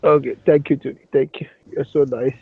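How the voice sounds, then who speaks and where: A man with a Pakistani accent chatting casually in a halting, repetitive, pleading way over a tinny online voice chat line. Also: medium pitch, fairly even intonation, breathy edge.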